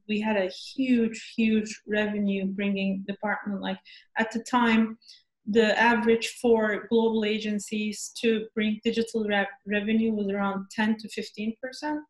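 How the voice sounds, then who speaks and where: A middle-aged woman from Turkey, a guest in an interview, telling her story in a measured, conversational way. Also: mid-range voice, roomy sound, rough recording.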